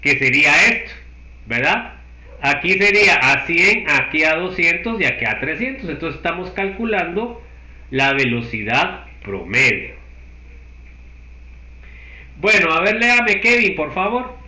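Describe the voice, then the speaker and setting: A man's voice: on the high side, sing-song, unhurried, pauses often, bright, forceful tone. A man teaching a university chemistry class. He works through each step and keeps checking that the class follows. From Guatemala. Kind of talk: university lecture. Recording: echoey room.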